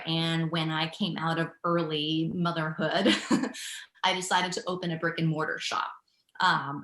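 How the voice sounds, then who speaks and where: This is a woman in her forties from Thailand, telling her founder story in a relaxed interview. She speaks reflectively and laughs easily, with a slightly low voice. The room around her sounds echoey. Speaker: guest, business founder. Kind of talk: casual interview answers.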